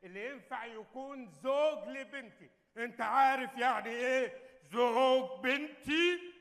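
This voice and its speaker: A man's voice: very high-pitched, expressive, racing, a bit bright, full character voice. An actor with an Egyptian accent playing a nervous, goofy king in a live stage comedy. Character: anxious foolish male king marrying off his daughter. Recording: theater stage with long reverb.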